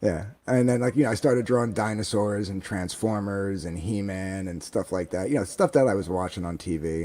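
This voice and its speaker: A man in his forties, a guest in a casual chat, telling long stories in a rambling, animated way full of fillers. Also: on the low side, creaky.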